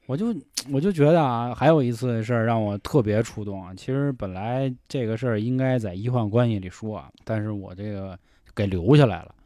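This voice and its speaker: A man's voice: lowish voice, fairly quick, mellow, no room sound, studio quality. A man hosting a casual podcast chat, frank and reflective, often swearing. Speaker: podcast host.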